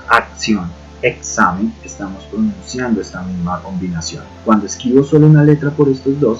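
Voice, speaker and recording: A man teaching an online class, patiently explaining and repeating sounds slowly. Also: lowish voice. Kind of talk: online lecture on Greek roots. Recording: dull lo-fi audio with faint music.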